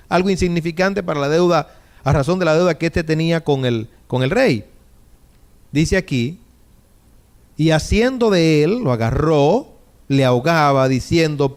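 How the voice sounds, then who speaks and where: Pastor, male, high voice, dramatic storytelling sermon with rhetorical questions. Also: smooth.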